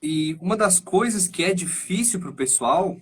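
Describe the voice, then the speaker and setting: A man who acts and teaches singing, explaining his ideas in an animated, thinking-aloud way as a guest on a live stream over a video call. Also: high voice, a little slow, breathy edge. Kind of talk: casual chat.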